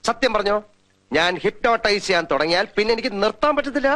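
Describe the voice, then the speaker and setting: An actor playing a sharp-witted psychiatrist who teases and questions a young man in a 1990s film drama. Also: high-pitched, lively intonation, quick pace. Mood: teasing. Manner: teasing, then grave and hushed.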